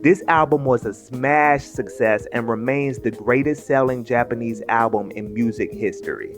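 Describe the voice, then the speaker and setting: A man narrates a scripted music history at a measured pace. Faint music plays under his voice. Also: medium pitch. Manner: measured, informative. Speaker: video essay narrator.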